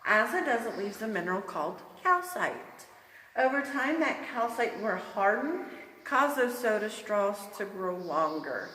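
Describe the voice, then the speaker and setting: A woman's voice: mid-range voice, sing-song, unhurried, pushed and bright, distant mic. A woman working as a cave tour guide, explaining things informally to a group of visitors inside a large cave. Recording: very echoey cave, long reverb, background noise.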